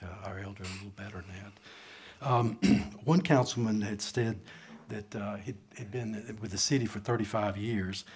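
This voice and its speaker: A man making a public comment, speaking slowly and haltingly. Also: fairly low pitch, husky. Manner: slow, halting speech. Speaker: citizen speaking at public forum. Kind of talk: public comment from handwritten notes. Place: council meeting room.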